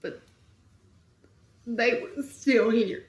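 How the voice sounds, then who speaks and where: A middle-aged woman telling a painful story as an interview guest, speaking softly and sometimes near a whisper. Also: fairly high pitch, extremely slow. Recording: roomy echo.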